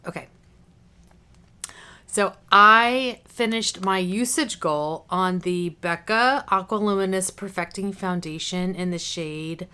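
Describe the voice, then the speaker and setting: Her lowish voice is smooth yet sharp in tone as this beauty vlogger chats casually to the camera. She keeps things informal and slips into tangents, sounding slightly congested with a cough drop in her cheek.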